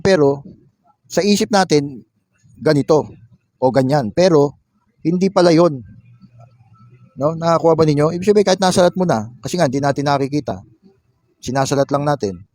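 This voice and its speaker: A man's voice: on the high side, fairly quick, pauses often, a little mellow, no room sound. Man lecturing, dry sound. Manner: explanatory, frequent tag "no?", reads English definitions then explains. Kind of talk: classroom lecture mixing Tagalog and English.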